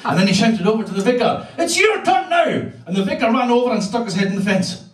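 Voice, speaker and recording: A Hebridean Scottish man doing stand-up with a high voice and a profane, deadpan delivery. He is recorded from far off in a roomy live venue, so the sound is echoey and distant. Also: very fast. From Isle of Lewis, Scotland. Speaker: stand-up comedian. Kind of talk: stand-up comedy. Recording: echoey club room from far off.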